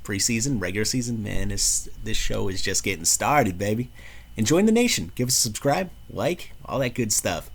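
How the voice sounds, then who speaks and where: A man with a New York accent hosting a casual sports show, talking football in a slangy, lively way. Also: lowish voice, moderate pace, creaky, slightly rough. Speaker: host.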